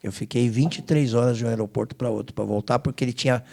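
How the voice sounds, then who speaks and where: Animated São man telling his story. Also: fast talker, vocal fry. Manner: animated, swinging between loud emphasis and hushed low asides. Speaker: guest singer. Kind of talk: emotional storytelling testimony.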